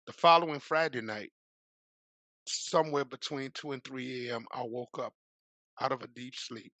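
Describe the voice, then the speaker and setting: A middle-aged man, a preacher appearing as a guest, telling a personal story with lively energy and moving into a preaching cadence. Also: medium pitch, moderate pace, no echo. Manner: lively, acts out the voices in his stories.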